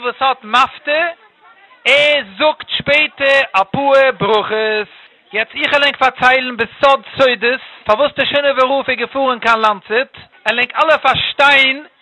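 A man telling a traditional religious tale, acting out the characters' lines in a lively way. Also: very high voice, no room sound, poor audio. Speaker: storyteller.

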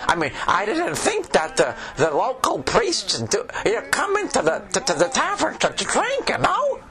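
A man voicing a high, giggly, stammering tavern patron in a storybook tale. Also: huge pitch swings, normal speed, heavily acted. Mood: eager.

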